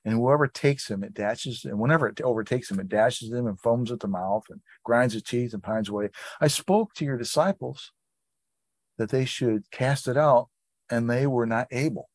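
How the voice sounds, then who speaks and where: A man's voice: medium pitch, normal speed, no echo. Casting note: man teaching scripture informally, plain everyday delivery, dry close sound. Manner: conversational, reads scripture aloud with asides. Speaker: Bible study leader.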